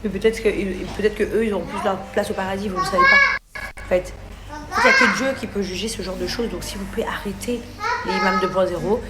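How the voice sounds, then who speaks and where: A woman's voice: medium pitch, very animated, a little fast. A woman recording a rambling, indignant phone video at a doctor's office, full of hesitations. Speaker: social media personality. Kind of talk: selfie video message. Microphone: phone camera. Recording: loud background noise.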